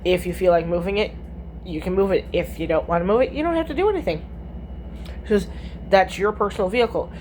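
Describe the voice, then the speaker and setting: A woman's voice: medium pitch, fast talker, darkish tone, slight background noise. A middle-aged woman retelling a dispute in casual chat, blunt and swearing freely, quoting each exchange. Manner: chatty, retells conversations with many "I said, she goes". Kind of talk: casual storytelling.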